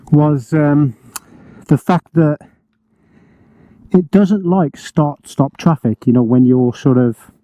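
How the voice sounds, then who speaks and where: A man reviewing a motorbike outdoors in a casual, enthusiastic way, pausing often with fillers. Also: a little high, warm tone, no room sound, dull audio. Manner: enthusiastic, hesitant with many fillers. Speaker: motorcycle vlogger. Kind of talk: casual first-ride review.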